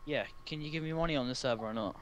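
A man's voice: on the high side, racing, a bit bright, dull audio. A young man bantering with a friend during an online shooter match, needling and teasing him. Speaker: teammate on voice chat. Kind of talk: casual gaming banter.

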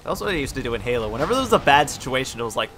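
Excitable male let's-play host. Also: mid-range voice, rapid-fire. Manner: excitable, swings from muttering to yelling at the game. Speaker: gaming channel host.

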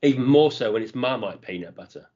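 A middle-aged man in easy conversation, voice at a middling pitch. He rambles happily, chuckling now and then, on a dull, lo-fi podcast recording. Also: animated, quick pace, a little mellow. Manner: chatty, enthusiastic about food, chuckles often. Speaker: podcast co-host. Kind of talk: casual chat.

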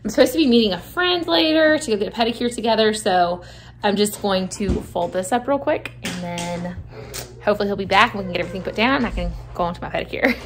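A woman in her thirties chatting casually to her phone camera in her living room while she folds laundry, upbeat and quick to laugh. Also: medium pitch, a little hiss or hum. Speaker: home vlogger.

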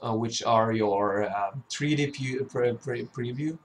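Male tutorial presenter, slow and hesitant, mid-pitched, voice cracking from sickness. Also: a little hiss or hum. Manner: hesitant, often stumbling and throat-clearing. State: sick, sore voice. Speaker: tutorial presenter, level designer. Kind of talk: informal software tutorial.

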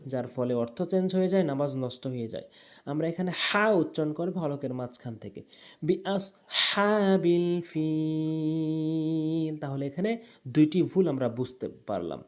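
A male Quran teacher with a mellow, dark-toned voice. He explains pronunciation patiently, repeating the wrong and right forms. He then chants the verses in slow, stretched-out recitation. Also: on the high side.

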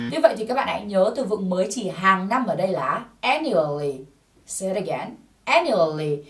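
A woman's voice: a little high, distant mic. A woman teaching a TOEIC English lesson, patiently explaining answers and drilling pronunciation through repetition. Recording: roomy sound from off-mic.

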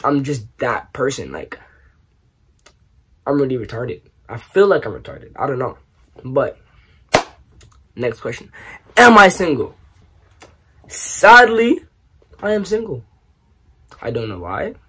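A young man from New York, raised partly in Trinidad, answering questions in a casual vlog, animated and joking with lots of slang. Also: medium pitch, slow, long pauses, husky. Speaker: YouTuber. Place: small bedroom, indoors.

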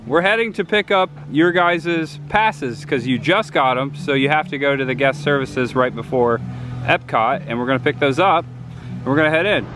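A man's voice: medium pitch, normal speed, noisy background. A man narrating a casual walking vlog at a theme park, chatty and pointing things out as he goes.

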